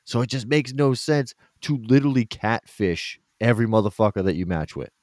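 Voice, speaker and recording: A man's voice: mid-range voice, brisk, a little mellow, no echo, studio quality. A man co-hosting a podcast, chatting casually, swearing a lot and laughing often. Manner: profane, laughing, boastful. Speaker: podcast co-host. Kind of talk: casual chat.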